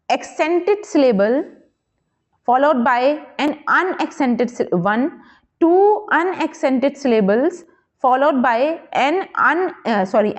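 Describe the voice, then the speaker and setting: A woman teacher, running an exam quiz lesson, reading options slowly and explaining them in quick Hindi. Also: high voice. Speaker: English literature teacher. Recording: dull lo-fi recording.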